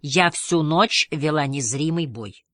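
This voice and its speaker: A woman's voice: sits low, takes it slowly, fairly bright tone, dry recording, studio quality. A woman reading the part of a grumpy, sleepless middle-aged woman who talks bluntly and sourly.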